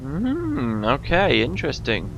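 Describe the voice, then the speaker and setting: Casual male gamer, mid-pitched voice. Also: huge pitch swings, slow pace, creaky, a bit bright, muffled recording, faint music behind. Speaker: video game let's player. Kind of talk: casual gameplay commentary.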